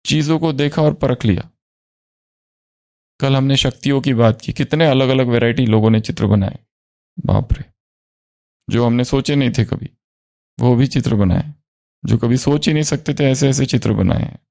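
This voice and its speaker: A man's voice: mid-range voice, moderate pace, creaky, long pauses, warm tone. A man leading a spiritual study class, quizzing the group with questions and repeating their answers.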